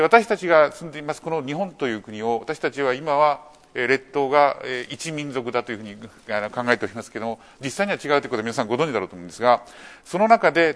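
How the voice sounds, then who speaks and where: A man giving a public lecture, explaining in a measured way with many fillers and rhetorical questions to the audience. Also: mid-range voice, fairly bright tone. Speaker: lecturer on archaeology.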